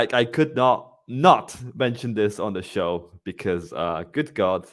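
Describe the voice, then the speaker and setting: A man with a lowish voice hosts a relaxed live-stream podcast. He rambles, restarts his sentences and reads out chat messages. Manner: rambling, with many restarts and quick laughs. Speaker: podcast host.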